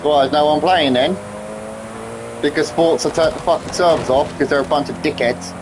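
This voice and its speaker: A man's voice: on the high side, fairly quick, noisy background. A man giving casual gameplay commentary as a streamer, irritated and swearing as he complains at the game.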